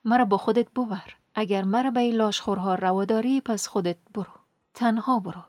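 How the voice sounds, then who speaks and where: A woman voicing a despairing young woman who softly pleads to be saved. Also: medium pitch, no room sound, clean studio sound, natural voice. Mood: pleading.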